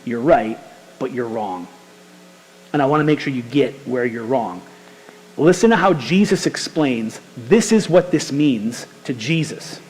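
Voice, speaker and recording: A man preaching a sermon as pastor, lively and conversational with casual slang. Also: mid-range voice, measured pace, long reverb tail, poor audio. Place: church sanctuary.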